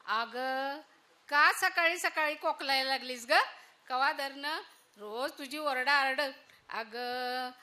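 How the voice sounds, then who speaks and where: A woman's voice: sits high, slow pace, full character voice. A woman playing a complaining older village mother-in-law in a solo stage monologue. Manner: grumbling, loud calls and complaints.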